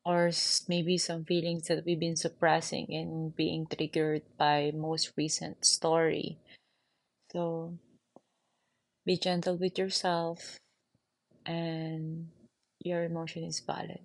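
Sitting on her bed, a Filipino woman whose first language is Tagalog hosts her own podcast, mixing gentle guided reflection with casual chat as she leads a soft check-in. Her low, monotone voice carries a Filipino accent and moves slowly, soft and soothing, with frequent small laughs.

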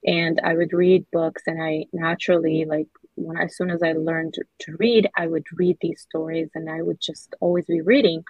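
A woman from Somalia, whose first language is Somali, answering interview questions earnestly and measuredly with soft fillers. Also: deep voice, steady tone, moderate pace, hardly any pauses, no echo, lo-fi sound. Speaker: children's book author, guest.

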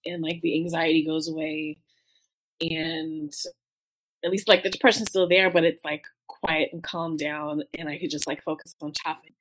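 A woman telling her story in an interview, talking through tears, halting with many fillers. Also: low voice, fairly even intonation, rough recording. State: tearful. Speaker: guest.

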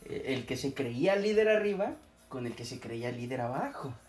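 A man's voice: mid-range voice, animated, moderate pace, darkish tone. A young man with a Mexican accent, co-hosting a podcast, telling a story in casual, joking, profane chat. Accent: Mexican Spanish. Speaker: podcast co-host. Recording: echoey room with faint music.

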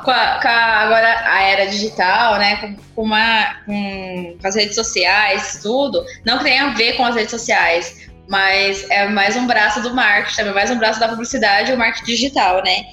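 A woman's voice: fairly high pitch, steady tone, normal speed, pushed and bright, reverberant, faint music behind, low-quality recording. A woman co-hosting a casual podcast, chatty and exasperated, often laughing as she talks. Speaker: podcast co-host.

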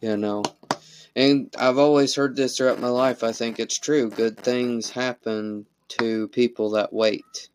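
A male interviewer talks slowly and rambles, repeating himself as he works toward his point. His pitch sits in an ordinary middle range. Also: steady tone, slight background noise, poor audio. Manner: rambling, repeats words while he searches for a thought. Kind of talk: casual interview chat.

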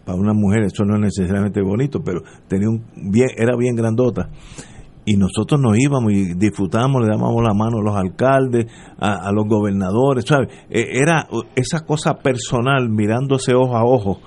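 A man's voice: fairly low pitch, a little fast, darkish tone. An older man with a Puerto Rican accent hosting a talk show interview, rambling and joking as he talks. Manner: joking, rambling, laughs often. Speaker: radio talk show host.

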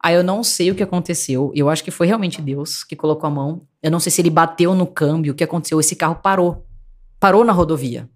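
A woman's voice: sits low, fast. A young woman from Brazil, a podcast guest, telling a story casually and acting out the voices of the people in it. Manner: animated, acts out quoted voices.

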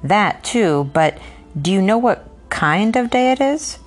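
A woman's voice: medium pitch, animated, a little slow, soft background music, pitched above the performer's own voice. A woman doing a frantic old landlady. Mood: pleading. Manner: urgent, imploring. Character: distressed superstitious old landlady, pleading.

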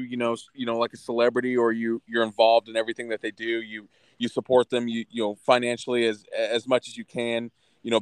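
A man with a smooth, clear voice at a medium pitch co-hosts a casual podcast, recorded dry and close. He talks informally, like chatting with friends, dropping in slangy asides. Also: no room sound. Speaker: podcast co-host.

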